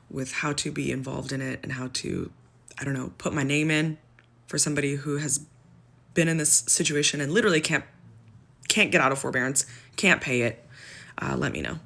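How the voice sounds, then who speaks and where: A woman's voice: low voice, vocal fry, a bit bright. A woman venting at length, frustrated and close to tears, in a personal vlog. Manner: frustrated, exasperated, near tears. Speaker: social media poster.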